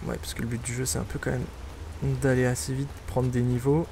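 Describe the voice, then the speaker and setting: Gravelly-voiced man muttering gameplay commentary. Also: mid-range voice, flat delivery, fairly quick, warm tone, slight background noise. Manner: wry, muttering asides to himself. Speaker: let's play gamer.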